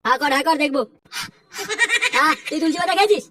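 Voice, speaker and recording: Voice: high-pitched, brisk, dry recording, studio quality. A performer voicing a strict, hot-tempered father who scolds and questions his son. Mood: stern. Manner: scolding, interrogating. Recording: loud background music.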